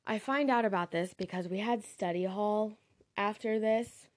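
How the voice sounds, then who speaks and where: A woman's voice: mid-range voice, moderate pace. A young woman telling a candid, casual story about her school days, swearing now and then and laughing at herself.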